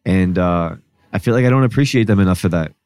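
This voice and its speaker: A man with a low voice tells his story as a podcast guest, calm and reflective, with plenty of casual filler words. He is from New Jersey, and his voice sounds dry and close to the mic. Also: fast talker, smooth, no room sound. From Newark, New Jersey, US. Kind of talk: casual conversation.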